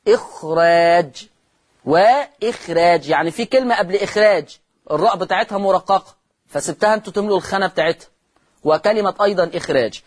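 Speaking with an Egyptian accent and a high voice, a man teaches the rules of Quran recitation in a broadcast lesson. He repeats key words, poses questions and answers them himself, and slowly draws out example words.

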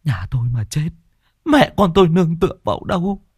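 A man's voice: big pitch swings, brisk, slightly rough, no room sound, clean studio sound, exaggerated voice. A man voicing a distraught wife who sobs and wails over her husband's injury. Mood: distraught wailing. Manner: high sobbing lament.

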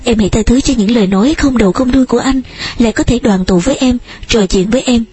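A woman's voice: on the high side, quick pace, mellow, faint music behind, natural voice. A woman voicing a passionate young man who pleads urgently with the woman he lost. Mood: pleading.

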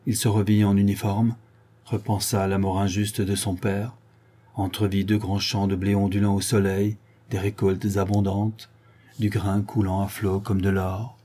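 A man narrating a crime novel in a steady reading voice. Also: lowish voice, normal speed, husky. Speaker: audiobook narrator. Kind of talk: scripted narration.

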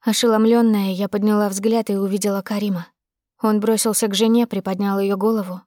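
A woman's voice: mid-range voice, flat delivery, a little fast, a little mellow, no echo, studio quality. Woman narrating a tense audiobook. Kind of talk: scripted first-person narration.

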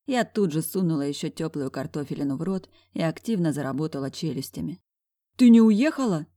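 A woman's voice: low-pitched, quick pace, mellow. A woman narrating an audiobook in an ironic, colloquial storytelling manner, close to the mic. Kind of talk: scripted narration.

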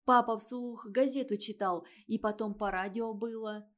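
A woman's voice: on the high side, fairly even intonation, normal speed, natural voice. A woman reading a story and voicing a proud, spirited schoolgirl in an eager, insistent way.

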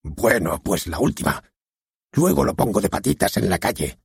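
A man voicing a loud, rude, eccentric theater director who barks and insults, with a nasal voice. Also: deep voice, big pitch swings, moderate pace, creaky, slightly rough, no echo, clean studio sound, exaggerated voice. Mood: exasperated.

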